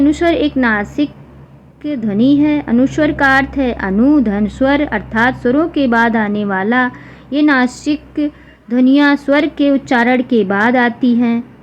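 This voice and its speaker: A woman teacher explaining a grammar lesson for exam students, repeating example sounds slowly one by one. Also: on the high side. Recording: dull lo-fi recording with faint noise.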